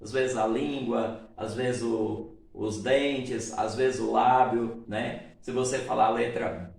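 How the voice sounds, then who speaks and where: Man, teacher, deliberate unhurried delivery, roomy echo, a bit off-mic. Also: medium pitch, steady tone, gravelly, a little mellow. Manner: explains slowly, checks in with "certo?" and "tá bom?". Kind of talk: recorded grammar lesson. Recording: echoey room, voice from a distance.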